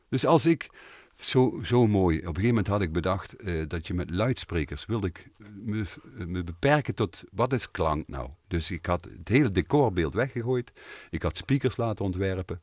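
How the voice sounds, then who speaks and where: Animated, low-voiced man. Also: no room sound. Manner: animated, earnest storytelling with many hesitations. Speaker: guest, theatre maker and composer. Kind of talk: conversational interview.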